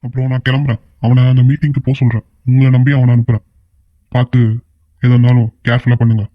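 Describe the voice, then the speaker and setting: A man voicing a worried older uncle in a cartoon, talking fast and pleading. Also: mid-range voice, flat delivery, dry recording, muffled recording, lightly acted. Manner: fretful, pleading, quick talk. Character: worried older uncle, anxious family elder. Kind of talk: cartoon voice acting.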